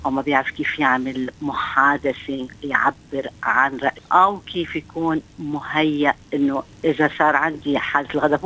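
A woman's voice: rumbling low, a bit bright, a little hiss or hum, poor audio. A middle-aged woman with a Levantine Arabic accent, a social counselor explaining things in a radio interview, thinking aloud with many fillers and restarts.

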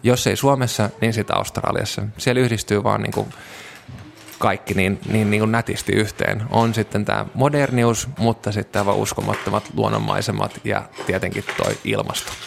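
Finnish male interview guest, low gravelly voice, easygoing rambling delivery, faint noise underneath. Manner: relaxed storytelling with frequent fillers. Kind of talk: casual interview chat.

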